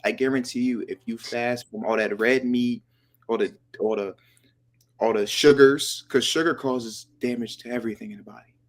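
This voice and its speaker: A man hosting a casual podcast chat, talking in slangy, animated bursts and sometimes dropping to a whisper for effect. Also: medium pitch, normal speed. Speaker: podcast host.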